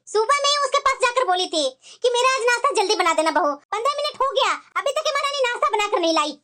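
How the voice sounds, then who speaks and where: A woman's voice: extremely high pitch, background noise. A woman voicing a sarcastic, nagging older mother-in-law in a cartoon. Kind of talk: Hindi cartoon voice acting.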